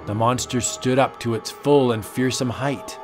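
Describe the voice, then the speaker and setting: A man's voice: mid-range voice, steady tone, unhurried. A man narrating a vintage horror comic in a dramatic, suspenseful audiobook style. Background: faint music.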